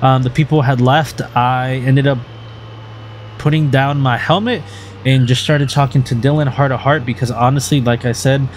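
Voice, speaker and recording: This motorcycle vlog voice-over features the host rambling earnestly in a medium-pitched, fairly even voice at a moderate pace, stumbling into fillers and restarts. Slight background noise sits under the narration.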